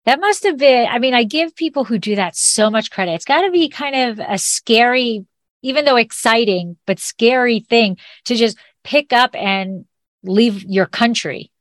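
A woman's voice: fairly high pitch, animated, moderate pace, no room sound. A woman hosting a podcast, chatting in an upbeat, casual way with fillers and restarts. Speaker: podcast host. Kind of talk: casual interview chat.

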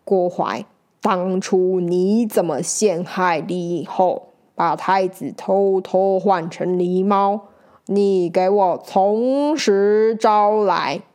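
A woman voicing a stern, upright male judge of ancient times, speaking slowly and with command. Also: fairly low pitch, steady tone, warm tone.

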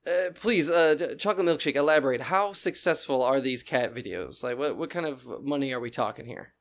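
A man hosting a mock talk show, asking mock-serious questions with lots of halting restarts. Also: mid-range voice. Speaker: host.

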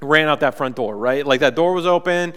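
A man preaching a sermon, chatty and joking, with lots of fillers and animated storytelling. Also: on the high side, fairly quick, a little hiss or hum. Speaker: pastor. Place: church hall. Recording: reverberant church hall.

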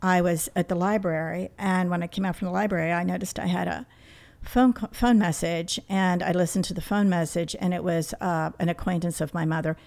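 Gravelly low-voiced middle-aged woman. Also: steady tone, darkish tone. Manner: reflective, halting, with restarts. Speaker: therapist, interview guest. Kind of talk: telling a personal story in an interview.

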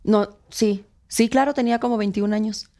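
A woman's voice: mid-range voice, moderate pace. A woman in her thirties, born in Cuba and speaking with a Mexico City accent, telling stories as an actress guest in a casual interview, acting out quotes. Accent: Mexico City Spanish. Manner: lively storyteller acting out quotes.

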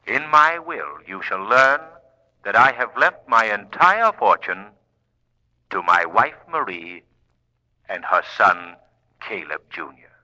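An actor playing a sardonic, menacing male vigilante in an old-time radio drama, theatrical and deliberate. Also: lowish voice, big pitch swings, sharp tone, full character voice, poor audio. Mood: grave, ironic. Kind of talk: 1940s radio drama acting.

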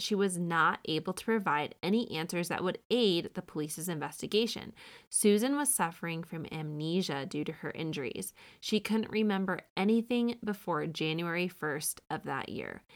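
A woman in her thirties hosting a casual commentary, chatty and sarcastic. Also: fairly low pitch. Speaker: podcast host recapping a true-crime show.

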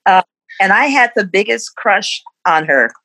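A woman's voice: medium pitch, big pitch swings, a little slow, pushed and bright, low-quality recording. A woman in her fifties, a musician being interviewed, who talks in a reflective way and laughs often between thoughts. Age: 50s. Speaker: musician guest. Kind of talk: casual interview.

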